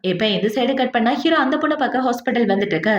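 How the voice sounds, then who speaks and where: A woman narrating a drama recap in a brisk, chatty way, acting out the quoted lines as she goes. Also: fairly high pitch, expressive, reverberant, dull audio. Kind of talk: casual storytelling recap of a drama.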